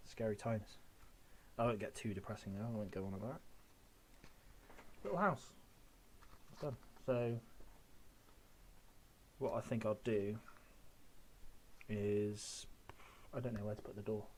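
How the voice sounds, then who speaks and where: A man's voice: on the low side, unhurried, long pauses, a little mellow, a little hiss or hum. A man in his twenties chatting casually while painting models on a hobby stream, rambling and correcting himself as he goes. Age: 20s.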